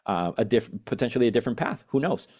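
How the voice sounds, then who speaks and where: A man's voice: mid-range voice, lively intonation, fast, darkish tone. A man from Venezuela, a musician guest on a podcast, chatting eagerly and rambling with many fillers and restarts. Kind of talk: casual interview chat.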